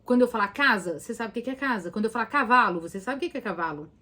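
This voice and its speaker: Emphatic Brazilian woman therapist, higher voice. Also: expressive, racing, pushed and bright. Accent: Brazilian Portuguese. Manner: emphatic, speaks straight to the listener with rhetorical questions. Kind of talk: casual talk to viewers about anxiety.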